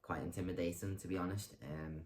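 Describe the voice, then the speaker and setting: A young man with a low voice talks straight to the camera in a loose, rambling monologue. He stumbles through ums and restarts, keeps correcting himself, and delivers his jokes deadpan. Faint noise sits behind him. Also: a little fast. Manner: rambling, hesitant, full of ums and self-corrections; deadpan self-mocking humor. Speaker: vlogger. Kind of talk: casual talking-to-camera monologue.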